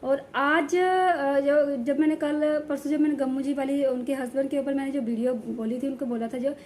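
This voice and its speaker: A woman vlogging casually at home to her viewers, chatty and rambling, often ending her points with a quick check-in. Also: high voice, fairly even intonation, a little mellow, slight background noise. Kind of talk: casual vlog chat to viewers.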